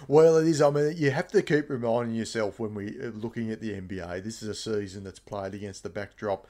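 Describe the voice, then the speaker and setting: A man hosting a podcast, introducing his co-host and setting up topics in a measured, articulate way. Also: fairly low pitch, mellow. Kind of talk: casual chat.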